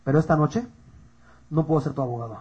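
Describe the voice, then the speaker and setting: A man plays Jesus as a grave male judge with a Mexican accent. He speaks slowly and softly, with a husky voice. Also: on the high side, muffled recording, pitched below the performer's own voice. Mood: solemn. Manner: slow, solemn, quiet.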